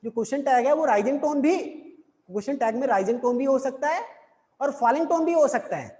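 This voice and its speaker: High-voiced male teacher in an echoey room. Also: expressive, warm tone. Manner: explains slowly and repeats example sentences. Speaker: school English teacher. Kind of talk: classroom lesson on intonation. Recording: echoey room with long reverb.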